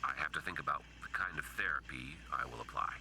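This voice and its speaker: A man voicing a psychologist in a horror game, reading case notes in a measured, clinical way. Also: a bass voice, gravelly, pushed and bright, slight background noise, heavily acted, low-quality recording. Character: calm male psychologist doctor narrating case notes.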